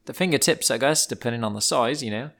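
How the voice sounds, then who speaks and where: Talking quickly in a medium-pitched voice that's creaky and a bit bright, a man hosting a children's animal podcast narrates playful animal stories. He adopts a theatrical accent and tells them informally beside an indoor wood stove.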